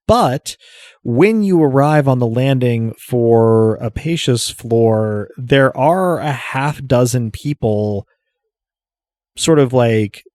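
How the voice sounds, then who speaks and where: Guy game master, slow hesitant improvised narration, mid voice, really dry sound. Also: medium pitch, a little mellow, no room sound. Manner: halting, thinking aloud with long hesitations.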